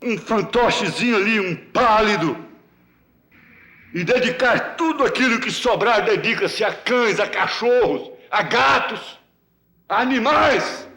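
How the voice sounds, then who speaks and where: A Brazilian preacher with a high-pitched voice delivers a sermon in an emphatic, repetitive cadence. The archive recording carries the roomy echo of a large church. His voice rings high above the room's reverb. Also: expressive, unhurried, pushed and bright. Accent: Brazilian Portuguese.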